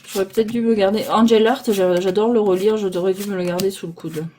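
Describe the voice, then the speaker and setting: A woman's voice: medium pitch, steady tone, brisk, warm tone, slight background noise. A woman casually presenting tarot decks, rambling and stopping aloud to search for names, filmed on a phone held by a holder arm. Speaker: tarot deck reviewer.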